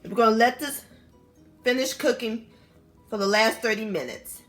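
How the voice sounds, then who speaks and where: Southern US woman, cooking host. Somewhat high voice, expressive and savoring, casual recipe narration, music behind. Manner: expressive, savoring exclamations and drawn-out words.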